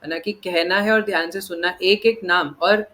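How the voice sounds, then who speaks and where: A man's voice: high-pitched, steady tone, normal speed, pushed and bright. A man giving a casual, conversational scripture class, often seeking the listeners' agreement and acting out inner voices. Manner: chatty, keeps asking "right?" for agreement; acts out inner voices in dialogue. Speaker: devotional teacher.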